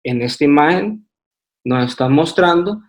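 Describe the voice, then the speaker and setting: Male medical presenter, Honduran Spanish accent, slightly raised pitch, steady academic slide talk with small restarts. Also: measured pace. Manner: methodical, with hesitant fillers and restarts. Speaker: radiology resident presenting.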